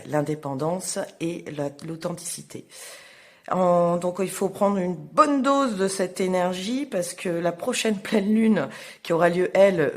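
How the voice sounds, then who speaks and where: A young woman astrologer giving a casual tarot reading to viewers, halting and full of fillers. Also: fairly low pitch, a little mellow. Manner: hesitant, many fillers, slow and halting.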